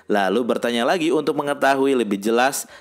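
A man narrating a scripted language lesson, reading sample sentences slowly and deliberately. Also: mid-range voice. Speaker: language teacher.

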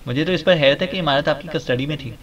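A man's voice: fairly high pitch, far from the mic, muffled recording, lightly acted. A man reading an audiobook voices a cocky young heir who answers in a dry, offhand, mocking way. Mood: flippant.

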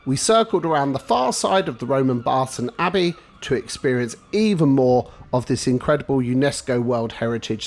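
A middle-aged man narrating a travel vlog voice-over, measured and guide-like, giving practical tips. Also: medium pitch, a little hiss or hum. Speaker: travel vlogger.

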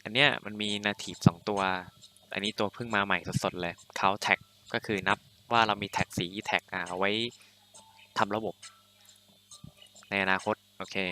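A young man talks through a coding tutorial in a loose, chatty way, full of fillers and little corrections. His voice sits low but comes across bright and forceful. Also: fairly even intonation, moderate pace, pauses often, a little hiss or hum. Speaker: programming tutorial host. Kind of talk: casual screen-recorded coding tutorial.

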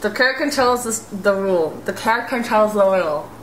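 A woman's voice: medium pitch, expressive, moderate pace. A woman in her twenties reading phrases with her lips stretched wide by a mouth guard, so her words come out slurred. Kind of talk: casual challenge video, reading nonsense phrases. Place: small indoor room at a table. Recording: echoey home room, faint noise.

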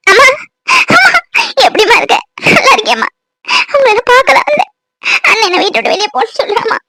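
Cartoon casting: a woman voicing a tearful, pleading daughter back after years away, very high and sobbing. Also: sing-song, brisk, sharp tone, full character voice. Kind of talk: cartoon voice acting.

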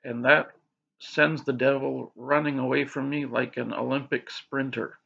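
A man's voice: medium pitch, fairly even intonation, moderate pace, vocal fry, a bit bright. A man vlogging casually about faith, rambling with restarts and filler words. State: hiccups. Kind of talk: casual religious monologue to camera. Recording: dull lo-fi audio.

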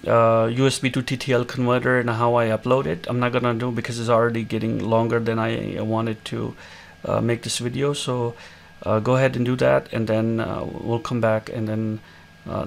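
A man hosting a screen-recorded coding tutorial, explaining each step in a relaxed way with many fillers. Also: mid-range voice, normal speed, vocal fry, few pauses, a little hiss or hum. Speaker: tutorial host.

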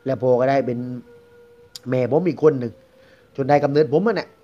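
A man with a Southern Thai accent tells a ghost story as a guest, in a loose, rambling, conversational way. He talks fast at a mid pitch. The recording sounds dull and lo-fi. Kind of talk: casual spoken ghost story telling.

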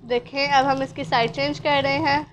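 A woman with a Pakistani Urdu accent hosting a cooking channel, narrating a recipe step by step in a calm, instructive way and addressing viewers directly. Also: sits high, moderate pace, slight background noise. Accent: Urdu-speaking Pakistani. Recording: dull lo-fi sound, faint room ambience.

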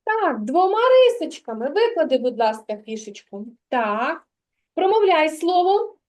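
Woman, kindergarten teacher, high and very lively voice, slow, patient, praising. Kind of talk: literacy lesson with a child.

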